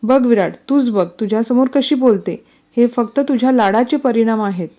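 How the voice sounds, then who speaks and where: A woman's voice: on the high side, normal speed, mellow, lo-fi sound, close to an everyday voice. A woman reading a story aloud voicing a stern older mother-in-law who scolds sharply. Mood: reproachful.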